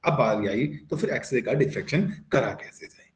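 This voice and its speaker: A man's voice: medium pitch, expressive, brisk, roomy sound. A man teaching a physics class online, coaxing his students with questions, answering them himself and mixing English terms into his explanations.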